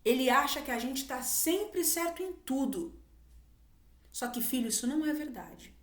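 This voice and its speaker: A woman's voice: high-pitched, lively intonation, normal speed, reverberant. A woman giving earnest spiritual advice, often speaking as if to her own child. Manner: earnest, keeps saying "my son" as if speaking to a child. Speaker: spiritual teacher.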